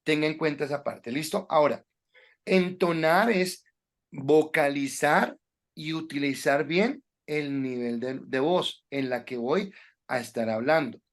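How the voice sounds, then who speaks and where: Guy teaching a preaching class, kinda high voice, talks straight to the students, trips on words a bit. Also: measured pace. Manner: instructive, addresses the class directly with frequent hesitations. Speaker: preaching instructor at a Bible school. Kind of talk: classroom lecture on sermon delivery.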